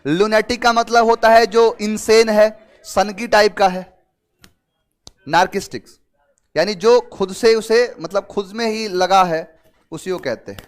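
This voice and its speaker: In an online exam-prep class, a man with a high-sitting voice teaches English vocabulary at an unhurried pace. He explains in Hindi mixed with English terms, questions his students, and stays lively and talkative with everyday examples.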